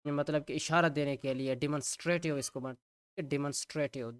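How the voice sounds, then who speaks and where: A man with a Pakistani accent explaining an English textbook exercise, reading English lines and glossing them slowly with many fillers. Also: on the high side, steady tone, clean tone, no echo. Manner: mixes English with Urdu explanation, spells out words. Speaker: English teacher.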